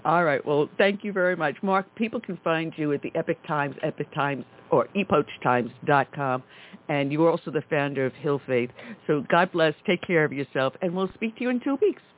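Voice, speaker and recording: A woman with a deep voice hosts a conservative talk radio show, speaking briskly, emphatically and indignantly. The sound comes through a tinny phone line.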